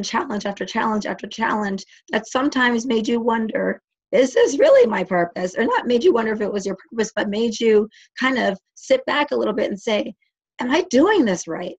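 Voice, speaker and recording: A woman co-host with a hoarse, nearly gone voice, talking casually and heartfelt in a halting way, repeating phrases as she interviews. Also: mid-range voice, low-quality recording. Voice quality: hoarse, strained voice. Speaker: co-host interviewing her partner.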